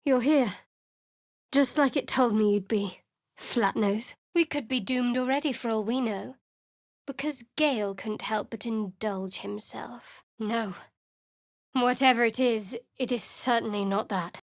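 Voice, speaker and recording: Recorded up close in a booth, this actress plays a guarded young female cleric in a video game with a dry, cool, sardonic edge. Her pitch is fairly high, she goes a little slowly, and the recording is dry.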